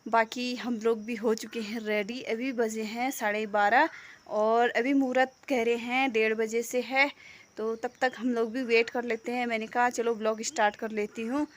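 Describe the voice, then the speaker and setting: A woman vlogger with a Pahadi accent from Uttarakhand, chatting in a lively, teasing way with her family. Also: on the high side, moderate pace. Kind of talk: casual family vlog chat.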